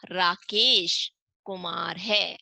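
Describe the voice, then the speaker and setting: Slow, bright-voiced woman teacher. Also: lowish voice, fairly even intonation, gravelly, dry recording. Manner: slow, syllable-by-syllable reading with frequent questions to pupils. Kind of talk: online class for young children.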